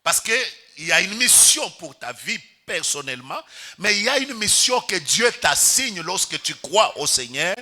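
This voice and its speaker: A man's voice: sits high, sharp tone. A Congolese pastor preaching a sermon in church, calling out to the congregation and stretching his key words for emphasis. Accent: Congolese French.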